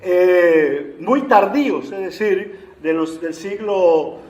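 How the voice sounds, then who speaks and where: Male lecturer, fairly high voice, patient explanatory delivery, echoey room. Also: darkish tone. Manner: unhurried, explanatory, with frequent "eh" fillers. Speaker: Bible translation lecturer. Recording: roomy echo.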